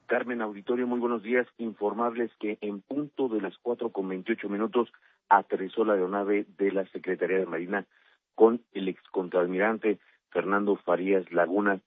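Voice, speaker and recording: A man's voice: fairly low pitch, no echo. A male field reporter giving a formal news report over a phone line that glitches and breaks up. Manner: formal, steady report delivery. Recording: tinny, cutting-out phone line.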